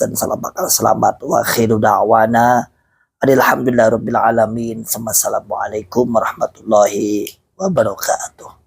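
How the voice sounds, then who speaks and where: A man, hoarse while recovering from illness, preaching fervently and urging his followers. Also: fairly low pitch.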